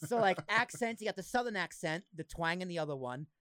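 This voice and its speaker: A young man with a slight Boston accent, his voice sitting a bit high for a man. He talks in an animated, joking way as a podcast host. The sound is dry and close. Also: clean tone, dry recording. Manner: animated, laughs often, quick asides. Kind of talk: casual chat.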